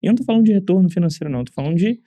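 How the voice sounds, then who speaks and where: Fast-talking Brazilian man, emphatic. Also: high-pitched, expressive, warm tone, no room sound. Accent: Brazilian Portuguese. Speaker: podcast co-host. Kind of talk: casual podcast chat.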